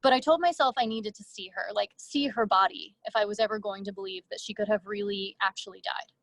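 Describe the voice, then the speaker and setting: Woman author, mid pitch, measured literary reading with casual asides, dry close recording. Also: fairly even intonation, a bit bright, no echo. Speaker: author reading her own fiction.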